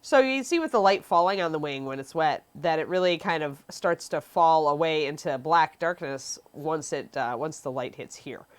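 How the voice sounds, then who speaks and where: A young woman who teaches miniature painting gives a chatty live tutorial, sniffly and stuffy from allergies, reading chat questions aloud and answering them with frequent ums. Her voice sits low and sounds animated, at a normal speed with few pauses.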